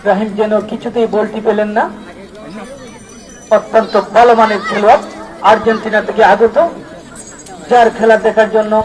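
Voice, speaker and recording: High-pitched male football commentator over crowd. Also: little pitch movement, normal speed, pauses often, rough recording. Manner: repeats phrases while following the ball; formal, courteous appeals. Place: outdoors at a football ground. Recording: outdoor PA with crowd noise.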